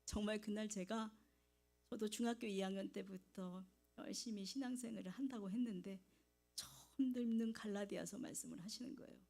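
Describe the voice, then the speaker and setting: A woman in her forties preaches from a church pulpit, weaving her own testimony into the sermon. Her voice is mellow and warm, and she tells the story with pauses and hushed asides. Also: medium pitch, steady tone. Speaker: evangelist preacher. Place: church sanctuary.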